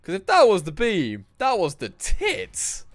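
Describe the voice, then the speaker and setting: Young male streamer, playful and foul-mouthed, very lively pitch, dry sound. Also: a little slow, dry recording. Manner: profane, playful, talks to himself. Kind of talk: live gameplay commentary.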